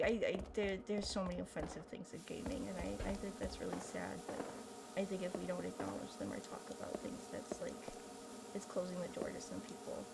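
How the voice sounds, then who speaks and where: Loud game music sits behind this young woman's lowish, gravelly voice in a very noisy clip. She hosts a gaming video, offering rambling, chatty, self-deprecating commentary packed with fillers as she plays.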